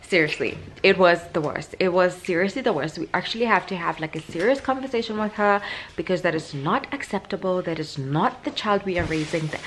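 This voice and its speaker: A South African woman in her thirties, a mom vlogger telling a story in an animated, exasperated way, acting out what she said. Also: fairly low pitch, brisk, a little hiss or hum. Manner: animated, exasperated retelling with quoted asides. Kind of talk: casual storytelling vlog.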